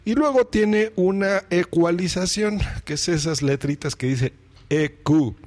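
A man's voice: high-pitched, unhurried, darkish tone. A man, a podcast host explaining step by step in a how-to tutorial as he demonstrates equipment, speaking into a microphone run through a mixing desk in a home podcast studio.

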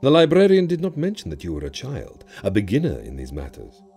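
A man's voice: fairly low pitch, wildly swooping pitch, dark tone, husky, faint music behind, exaggerated voice. A man voicing an ancient male jinn who speaks in grand, cryptic, teasing pronouncements in an audio drama. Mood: mocking. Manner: theatrical, teasing, drawn-out pronouncements.

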